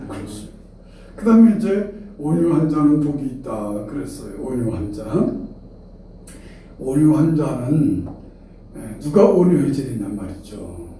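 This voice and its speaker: Older Chungcheong pastor in echoey hall. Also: male voice, on the high side, mellow, a little hiss or hum. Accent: Chungcheong Korean. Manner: folksy and humorous, acting out quoted dialogue. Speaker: retired senior pastor. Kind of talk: early-morning sermon. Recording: very echoey hall, distant mic.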